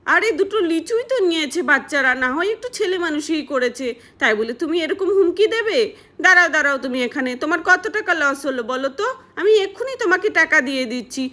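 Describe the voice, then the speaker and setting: A woman's voice: high voice, expressive, fast talker, pushed and bright. A woman voicing a soothing, reasonable mother in a doll-play story. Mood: calm. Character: calm, kind village mother.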